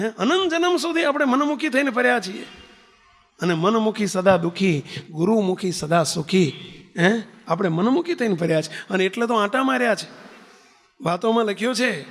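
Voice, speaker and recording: A man preaching in a high, bright voice, his words trailing off into a long hall reverb. He tells his stories vividly, acts out the characters and keeps asking his listeners questions. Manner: lively storytelling, acts out quoted voices, frequent rhetorical questions. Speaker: religious leader preaching to devotees. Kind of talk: Gujarati sermon with parables. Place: large temple hall or compound.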